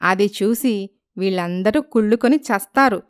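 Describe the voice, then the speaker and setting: A woman voicing a proud young village woman in an animated storybook, speaking with firm indignation. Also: mid-range voice, normal speed, clean tone, natural voice. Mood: indignant.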